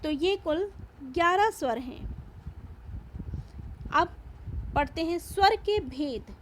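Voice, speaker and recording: Lady teaching grammar real slow, explains everything twice, soft hiss behind. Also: very high voice. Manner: patient, explains step by step and repeats. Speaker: school teacher. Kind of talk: slow classroom grammar lesson.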